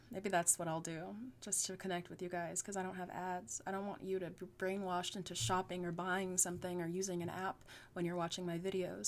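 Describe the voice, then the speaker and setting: A young woman YouTuber with a fairly low-pitched voice speaks to her channel in an unscripted vlog. She rambles and halts, uses fillers, and often laughs at her own words.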